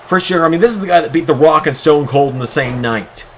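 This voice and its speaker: Man calling wrestling like an excitable commentator, over noise. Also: a little high. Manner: excitable wrestling commentator delivery, drawn-out calls of moves. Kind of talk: wrestling commentary of a video game match.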